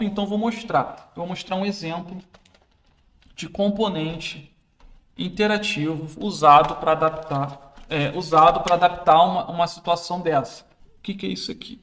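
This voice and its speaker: A man with a fairly high voice leads a casual instructional demo. He is a teacher trainer handling a classroom teaching aid as he explains it, correcting himself along the way.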